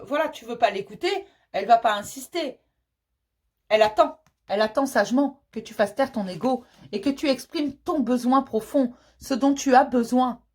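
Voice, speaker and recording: A woman medium giving a casual tarot reading, reassuring and chatty, addressing the listener affectionately. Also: sits high. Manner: reassuring, calls the listener "mon petit chéri"; chatty, with frequent fillers and repeats.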